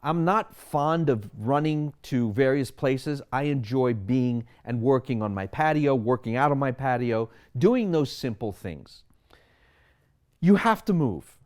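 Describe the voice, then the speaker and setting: With a darkish, mid-range voice and lively intonation, a man in his sixties from Sri Lanka speaks a little slowly. He is a physician giving a personal monologue to camera that explains his wellness philosophy through many rhetorical questions.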